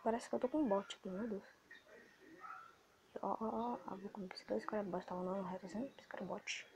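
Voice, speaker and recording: A male gaming host with a Brazilian Portuguese accent, excitable and swearing as he comments on his gameplay. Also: high voice, creaky, crowd noise. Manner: excitable, swearing, quick to frustration.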